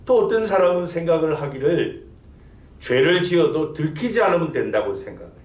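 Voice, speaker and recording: A little high and a little fast with big pitch swings, a male senior pastor builds his sermon's intensity and fires rhetorical questions at the congregation. The church sanctuary recording is echoey.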